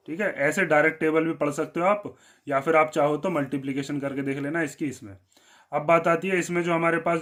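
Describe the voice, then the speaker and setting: Indian guy teaching maths, kinda high voice, asks then answers himself. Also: a bit bright. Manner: dips low on one-word answers. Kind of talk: step-by-step maths lesson.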